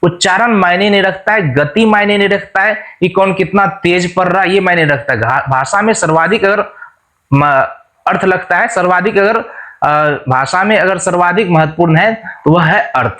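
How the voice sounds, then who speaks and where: Man, teacher, high voice, exam-prep lecture, restates each point, checks in with viewers. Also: moderate pace, a bit bright. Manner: explains each point then repeats it in plain Hindi, checking with "ठीक ना".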